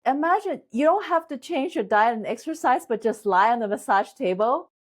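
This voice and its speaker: A woman's voice: on the high side, lively intonation, normal speed. Upbeat, encouraging woman guest. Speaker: guest, acupuncturist. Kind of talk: interview talk.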